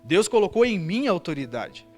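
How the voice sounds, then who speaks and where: A Brazilian man preaching a sermon as pastor, with a rather high voice. He builds his story by repeating words for emphasis, and soft music plays faintly behind him in the church. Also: sing-song, normal speed. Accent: Brazilian Portuguese. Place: church service.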